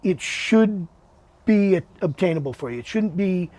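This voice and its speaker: A man hosting a podcast interview, chatting in a relaxed way, often repeating words and calling his guest "man". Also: high voice, normal speed, no room sound. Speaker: podcast host. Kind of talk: casual interview chat.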